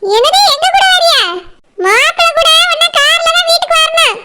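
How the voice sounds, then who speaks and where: Cartoon village mother, bossy and scolding, Kanyakumari accent, very high, shrill voice, a woman puts her on. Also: animated, normal speed, heavy background noise. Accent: Kanyakumari Tamil. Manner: scolding, ordering people about.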